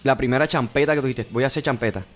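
A man's voice: mid-range voice, rapid-fire. A man hosting a podcast, asking questions in a joking, teasing way. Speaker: podcast host. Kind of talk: casual podcast interview.

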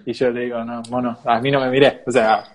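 A young Argentine man with a Rioplatense accent, casually telling a lively travel anecdote, laughing often and acting out the people in his story. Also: mid-range voice, fairly quick. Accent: Rioplatense Argentine Spanish. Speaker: guest storyteller.

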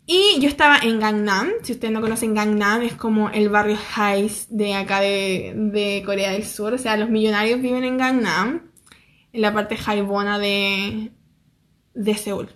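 A young Chilean woman with a Chilean accent, telling a story to her viewers in a lively, slangy way and acting out what people said. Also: medium pitch, measured pace. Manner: animated, laughing, slangy, acts out quotes. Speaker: vlogger.

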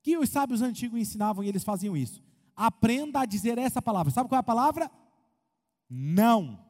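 A Brazilian man preaching as a pastor, animated, asking the crowd questions and acting out quotes. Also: very high-pitched, fast. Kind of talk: lively sermon with humor. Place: church hall. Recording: long hall reverb.

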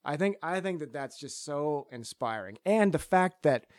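Podcast host dude rambling excitedly, lots of uh and like, dry close mic. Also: male voice, on the high side, normal speed, no echo. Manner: rambling, enthusiastic, many fillers. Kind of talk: casual chat.

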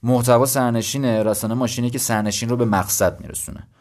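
A man's voice: medium pitch, steady tone, a little mellow. A man in his twenties from Iran hosting his own podcast, explaining ideas in a conversational, thinking-aloud way with self-deprecating asides. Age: 20s. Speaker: podcast host. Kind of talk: casual solo podcast talk.

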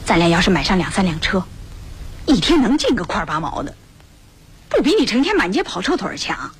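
An actress playing a brash, bossy young woman who scolds loudly, with a husky voice and a Beijing accent, in a radio drama. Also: medium pitch, big pitch swings, brisk, rough recording. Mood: scolding. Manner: loud, scolding, cajoling.

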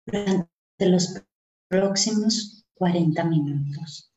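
A woman host guiding listeners in short, unhurried phrases with long pauses, as in a meditation. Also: lowish voice, dark tone, highs cut off. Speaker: host leading a guided breathing meditation. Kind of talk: guided meditation, slow and soothing instruction. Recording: roomy, echoing sound.

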